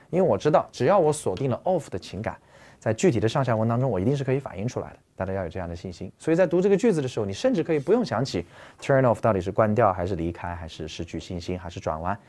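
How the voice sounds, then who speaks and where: An animated male teacher explaining English words in a lecture, his pitch rising and falling widely. He keeps asking the listeners questions and says the key terms over and over.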